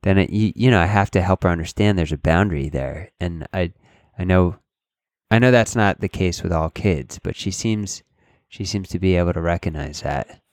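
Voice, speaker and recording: A man's voice: low voice, dry recording, clean studio sound. A man co-hosting a podcast, chatting casually and agreeing often. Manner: agreeable, quick affirmations. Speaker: podcast co-host.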